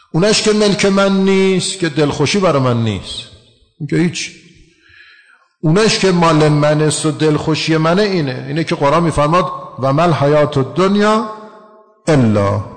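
A man's voice: medium pitch, big-room sound. A man giving a religious lecture, explaining a text and asking his listeners rhetorical questions.

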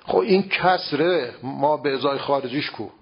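A man's voice: mid-range voice, breathy edge. A man teaching religious philosophy in an informal lecture, explaining with everyday examples and rhetorical questions. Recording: dull lo-fi recording.

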